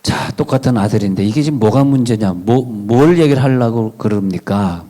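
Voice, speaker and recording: A man's voice: on the low side, lively intonation, normal speed, warm tone. A male pastor giving a sermon in a church, conversational, with wry asides and questions to the congregation. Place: church sanctuary.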